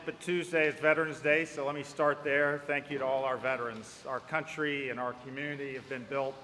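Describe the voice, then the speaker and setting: A man delivering a reflective, plainspoken sermon in a church, with a gentle touch of humor. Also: mid-range voice. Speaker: preacher. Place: church sanctuary. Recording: church with long reverb and faint noise.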